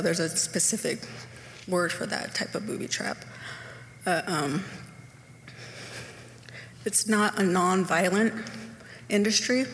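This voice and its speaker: Blunt woman from Hoopa at a meeting mic, gravelly, reverberant hall. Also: lowish voice, a little hiss or hum. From Hoopa, Northern California. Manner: earnest, rambling, blunt. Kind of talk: public comment at a meeting.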